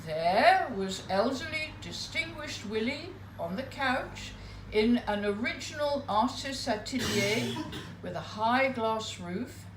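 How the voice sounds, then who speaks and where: Slow, expressive woman reading her memoir. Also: fairly high pitch, background noise. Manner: unhurried, expressive storytelling. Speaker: spoken word performer. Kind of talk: reading a memoir piece aloud. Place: live spoken word venue. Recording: roomy live venue.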